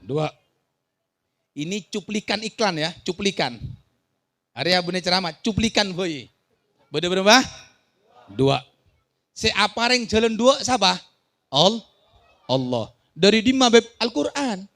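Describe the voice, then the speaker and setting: A man preaching a sermon to a village gathering. He swings from shouted warnings to quiet asides and often questions and jokes with the audience. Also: sits high, sing-song, a little slow, pauses often. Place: outdoor village religious gathering.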